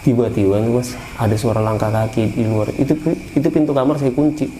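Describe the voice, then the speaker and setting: A man recounting his own eerie experience in a casual, animated way, often repeating phrases and addressing the listener. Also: mid-range voice, brisk, a little hiss or hum, low-quality recording. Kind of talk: casual first-person ghost story.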